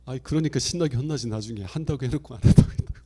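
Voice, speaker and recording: Mellow-voiced pastor preaching. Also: male voice, mid-range voice, very fast, husky. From Chungcheong Province, Korea. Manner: conversational storytelling, acts out quoted lines with big swings in loudness. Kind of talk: sermon. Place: church sanctuary.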